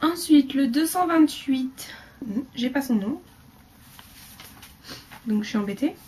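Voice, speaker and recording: A woman chatting casually through a beauty haul video, rambling with fillers and dropping into quiet asides. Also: sits high, expressive, slow, slight background noise. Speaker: beauty vlogger.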